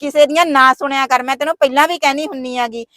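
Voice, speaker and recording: A woman's voice: high voice, steady tone, fast, sharp tone. A woman playing a fretful, wailing Punjabi sister-in-law. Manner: dramatic wailing, scolding. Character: fretful sister-in-law caring for her brother's wife. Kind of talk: village short-film acting.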